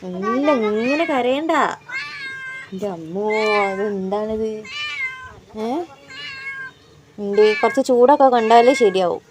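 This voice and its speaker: Young woman cooing softly to a pet, soothing and coaxing, noisy recording. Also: fairly high pitch, takes it slowly, long pauses. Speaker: vlogger. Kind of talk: casual talk to a pet.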